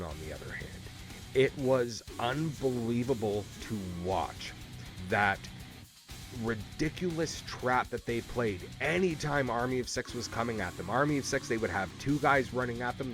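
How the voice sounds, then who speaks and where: A man's voice: mid-range voice, lively intonation, moderate pace, over music. A man hosting a casual gaming league recap live stream, chatty and upbeat, with lots of fillers and restarts.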